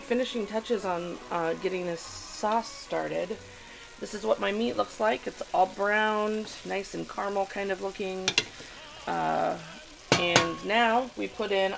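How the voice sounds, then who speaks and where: In her kitchen, a woman films herself cooking on a handheld camera, walking through each step in a chatty, instructive manner full of fillers. Her mid-range voice is gravelly, and heavy background noise mixes with food sizzling in a pan.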